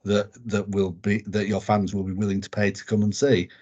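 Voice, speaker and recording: On a muffled recording, a man from England co-hosts a casual sports chat podcast, his voice on the low side with a darkish tone and little pitch movement. He speaks at normal speed, rambling with many fillers, ums and restarts.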